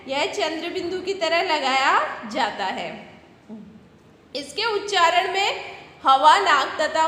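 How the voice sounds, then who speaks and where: Slow, bright-voiced woman teacher. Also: high-pitched. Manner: patient, repeats words slowly and asks questions to the children. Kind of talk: slow classroom video lesson for young children. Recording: echoey room with long reverb and faint noise.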